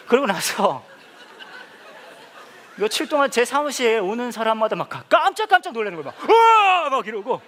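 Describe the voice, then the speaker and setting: Male pastor, comic preacher, higher voice swinging widely, playful storyteller with bursts of exclamation. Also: fairly bright tone, a little hiss or hum. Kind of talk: humorous sermon. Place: church hall with a laughing congregation.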